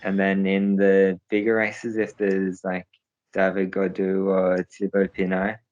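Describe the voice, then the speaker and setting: A man's voice: low voice, monotone, a little slow, a little mellow, muffled recording. A young man, a professional cyclist, answering interview questions in a hesitant way, with many fillers and restarts.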